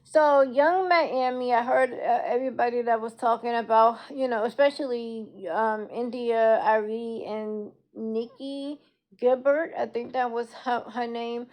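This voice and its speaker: A woman speaks in a somewhat high voice with the soft, lisping slur of toothless speech. She is candid and emphatic, talking conversationally as she shares her opinion in a live social media video. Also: unhurried. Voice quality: toothless, slurred lisping articulation.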